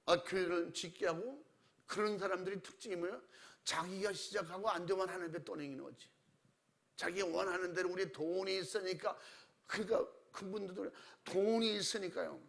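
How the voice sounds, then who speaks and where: A middle-aged man preaching a sermon as pastor, telling stories animatedly and acting out the voices he quotes, and clearing his throat often. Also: sits high, a little fast, fairly bright tone.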